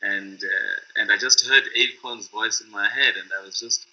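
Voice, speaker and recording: A middle-aged South African music producer talks reflectively to the camera, thoughtful and hesitant, often hunting for words. His voice is lowish, steady, bright, and forceful at a normal speed, captured in a dull lo-fi recording.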